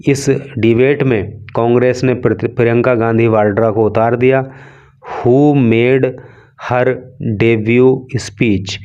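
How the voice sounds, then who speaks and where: A man with an Indian accent talks slowly and patiently as an English teacher, reading out newspaper phrases and explaining each one. His voice sits at a middle pitch, and the recording sounds dull and lo-fi. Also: a little mellow. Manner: explanatory, asks rhetorical questions.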